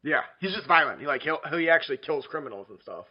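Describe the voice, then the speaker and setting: A man's voice: fairly high pitch, sing-song, fast talker, breathy edge. A man co-hosting a podcast in casual chat, chatty and a bit fumbling, with the hiccups. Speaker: podcast co-host. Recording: dull lo-fi sound.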